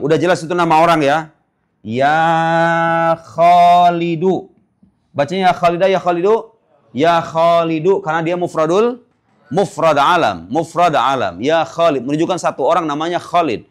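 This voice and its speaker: A man gives a classroom grammar lesson in a fairly high voice. He explains step by step and often stops to ask whether the class understands. He draws the example words out slowly, almost chanting them. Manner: explains step by step, asking "paham nggak?". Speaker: Arabic grammar teacher. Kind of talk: classroom lecture.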